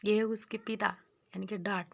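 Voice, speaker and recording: A woman's voice: mid-range voice, flat delivery, moderate pace, vocal fry. A young woman narrating a casual village vlog, homely and repetitive as she draws simple life lessons. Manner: homely, repeats points, moralizing. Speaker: village vlogger. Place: village home outdoors.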